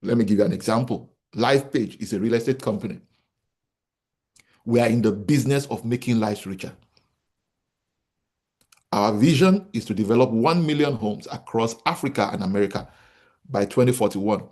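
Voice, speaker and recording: A Nigerian man in his forties who founded a real estate company gives a motivational business talk to an audience, repeating key points and posing rhetorical questions. His voice is lowish and a little mellow, at normal speed with long pauses.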